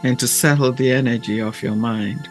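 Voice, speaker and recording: A man speaking in a gentle, measured and deliberate way, with long pauses, as he hosts a reflective talk and guided meditation. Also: mid-range voice, fairly even intonation, soft background music. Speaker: podcast host and meditation guide.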